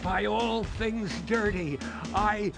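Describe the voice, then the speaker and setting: A man's voice: sits high, slow, vocal fry, full character voice. A man voicing a silly, whiny, blustering bubble villain in a cartoon video game. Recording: music behind the voice.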